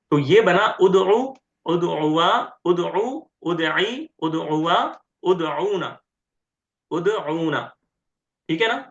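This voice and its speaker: A man teaching Arabic grammar step by step in an online lecture, repeating word forms slowly and often checking with "ठीक है?". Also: a little high, a bit bright. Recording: roomy, dull lo-fi sound.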